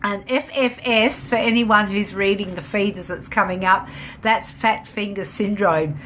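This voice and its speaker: A woman's voice: mid-range voice, measured pace, fairly bright tone, a little hiss or hum. A woman running a home business, chatting casually on a live video, rambling a little, laughing easily and answering viewer comments as she goes. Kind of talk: casual live-stream chat.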